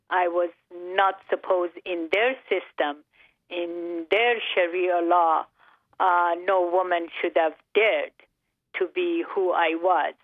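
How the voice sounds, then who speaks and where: An older woman from Iran, giving measured, earnest testimony as a guest in a phone-in interview. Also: lowish voice, no room sound. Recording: tinny dry phone line.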